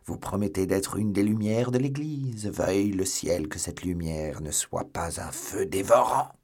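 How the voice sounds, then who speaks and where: A man's voice: sits low, unhurried, darkish tone, slightly rough, heavily acted. A man voicing a stern, zealous male Jesuit scholar who admonishes and quotes Latin. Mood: warning, stern. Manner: severe, admonishing, quoting Latin.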